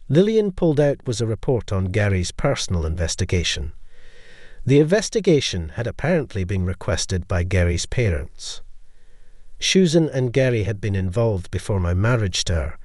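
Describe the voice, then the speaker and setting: A man narrating a first-person story with steady storytelling. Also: fairly low pitch, dry recording, clean studio sound.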